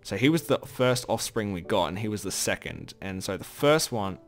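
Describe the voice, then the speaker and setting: A man's voice: lowish voice, animated, normal speed, faint music behind. A man giving casual gameplay commentary as the host of his own let's play, rambling and often correcting himself. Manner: rambling, self-correcting, chatty.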